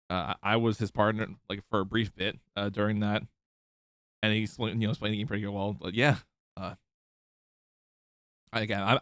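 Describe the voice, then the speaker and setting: A man streaming, giving casual commentary over a video clip, halting and full of fillers and restarts. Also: lowish voice, fairly bright tone, smooth, no echo, clean studio sound.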